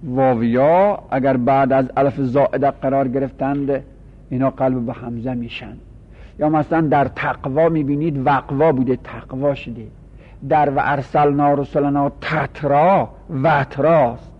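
A man teaching Quran recitation rules in a classroom lecture, explaining and repeating example words with drawn-out and clipped pronunciations. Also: medium pitch, fairly even intonation, highs cut off.

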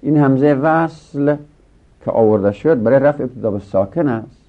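A man teaching Arabic grammar in a lecture, explaining each rule step by step and answering his own questions. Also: mid-range voice. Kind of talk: classroom lecture. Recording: dull lo-fi recording.

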